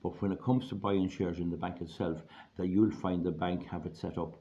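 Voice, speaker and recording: A hoarse Irish man giving an informal, rambling monologue in a plain-spoken, folksy way, repeating phrases for emphasis. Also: sits low, level tone, fairly quick, warm tone. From Ireland. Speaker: online video host giving money advice. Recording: dull lo-fi audio, faint background noise.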